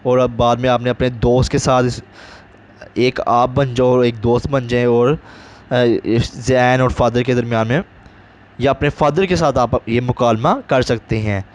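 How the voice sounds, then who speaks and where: A male teacher, explaining an English lesson step by step and reading example sentences slowly. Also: mid-range voice, steady tone. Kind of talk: recorded classroom lesson.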